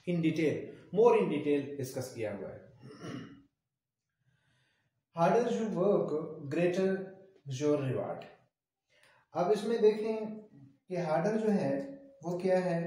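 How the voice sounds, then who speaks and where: Man, English teacher, grammar lesson, asks and answers own questions, slightly high voice, heavy room echo. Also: dark tone. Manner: explains step by step, asks questions and answers them himself. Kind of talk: classroom grammar lecture. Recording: very echoey room.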